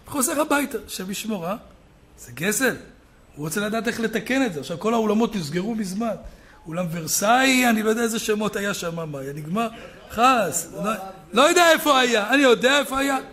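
A man preaching a sermon as a rabbi, telling stories and building up to loud shouted peaks. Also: high-pitched, animated.

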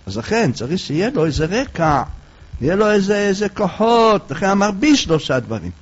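Male preacher, storytelling sermon, highish voice, lo-fi recording. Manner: storytelling, acting out dialogue. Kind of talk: sermon with parables. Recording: dull lo-fi recording.

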